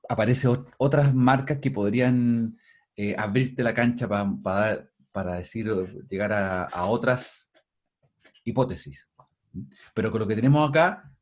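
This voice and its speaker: A husky-voiced man leads a linguistics class over a video call. He explains step by step, often repeating and restarting words as he thinks aloud, at a middling pitch. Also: a little mellow. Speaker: linguistics teacher. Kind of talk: online class teaching.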